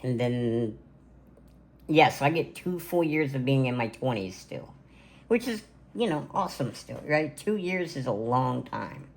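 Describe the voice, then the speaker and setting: This content creator, a man in his twenties, rambles casually to camera with plenty of fillers while filming a birthday vlog indoors in his home gaming room. His medium-pitched voice is gravelly and expressive, at a measured pace.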